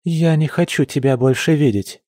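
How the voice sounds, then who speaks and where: A man voicing a stubborn, sarcastic young woman in an audiobook, with sharp retorts. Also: fairly high pitch, moderate pace, no echo, clean studio sound, voice pushed up, close to an everyday voice. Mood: upset, stubborn.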